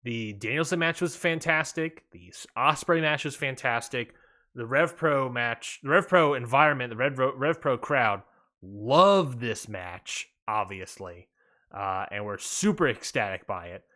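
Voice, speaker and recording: A man with a medium-pitched, animated voice and a sharp tone speaks a little slowly. Hosting a wrestling podcast, he recaps matches enthusiastically, rambling with fillers and restarts.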